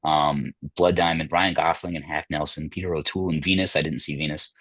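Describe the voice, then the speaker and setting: Very deep husky man chatting. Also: steady tone, brisk, fairly bright tone, no echo. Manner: rambling, hesitant, full of fillers. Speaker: podcast host. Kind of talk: casual chat about film awards.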